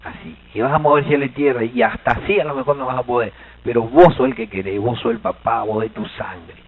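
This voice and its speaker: An Argentine man lectures a seminar audience as a language teacher, lively and playful, tossing questions to the room. His voice is gravelly and sits at a middle pitch. The recording is thin and tinny, like a phone line. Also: fairly quick. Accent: Argentine Spanish. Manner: animated, joking, quizzes the audience. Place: seminar hall.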